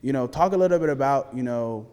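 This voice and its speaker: A man hosting an interview, relaxed and conversational, with lots of "you know" fillers. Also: mid-range voice, quick pace, smooth, in a large hall. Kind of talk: casual interview.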